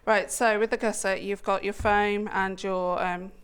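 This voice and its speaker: A woman's voice: medium pitch, flat delivery, a little slow, smooth. A woman in her forties presenting a sewing show, chatting casually and laughing often while she demonstrates. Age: 40s. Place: TV shopping studio.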